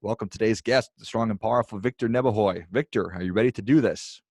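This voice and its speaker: A man's voice: on the low side, fast, a little mellow, breathy edge, no room sound, clean studio sound. A man hosting a podcast interview, opening with an upbeat scripted introduction of his guest. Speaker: podcast host.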